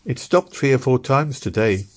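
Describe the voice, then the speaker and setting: A man voicing a brisk working-class wife who insists on fetching things herself, lifted in pitch. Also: expressive, natural voice. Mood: insistent.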